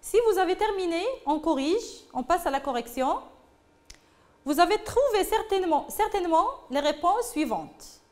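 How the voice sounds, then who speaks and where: A woman's voice: extremely high pitch, expressive, normal speed, darkish tone. A woman teaching a French grammar lesson, talking patiently to pupils and repeating phrases as she goes.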